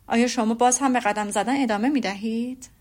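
A woman reading the lines of a polite army officer in a storybook, courteous, frank and measured. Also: a little high, a little mellow, close to an everyday voice. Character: polite gentlemanly younger-son army officer.

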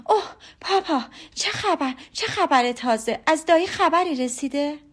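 An eager young daughter in an audiobook, pitched high and pushing out one question after another. A woman reader gives her voice, loud and urgent, stumbling over her words in a rush. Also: natural voice. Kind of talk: audiobook character voice.

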